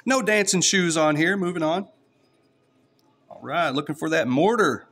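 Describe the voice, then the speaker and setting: Man, East Texas accent, slightly raised pitch, chatty play-by-play vlogger talking to followers. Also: expressive, normal speed, a bit bright. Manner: chatty, talks straight to followers. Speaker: streamer scratching lottery tickets. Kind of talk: casual play-by-play vlog.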